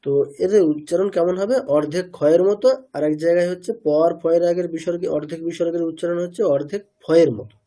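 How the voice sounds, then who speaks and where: In an online lecture, a Sanskrit pronunciation teacher from India quizzes his students, repeats their answers back, and sounds out single syllables several times to show how they're formed. His voice is fairly high but mellow, with a steady tone, and he talks fast.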